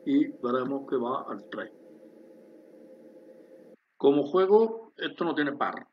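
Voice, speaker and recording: This man's voice is medium in pitch, expressive and slow as he walks viewers through a factory simulation in a screen tutorial, frequently asking "¿vale?" while he explains. Faint hiss runs beneath the dull, lo-fi recording.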